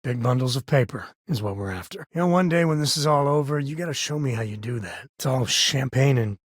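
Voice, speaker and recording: Man playing Sam Coe, husky folksy space cowboy. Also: medium pitch, a little fast, no echo, clean studio sound, lightly acted. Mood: wry, easygoing. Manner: folksy, wry, conversational. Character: easygoing, wry space cowboy pilot and father. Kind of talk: video game voice acting.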